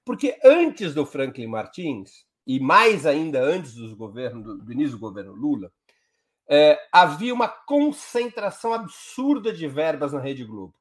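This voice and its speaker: A man's voice: fairly high pitch, very animated, unhurried. A man with a Brazilian Portuguese accent, a guest commentator explaining politics live on a talk show in an emphatic, step-by-step way.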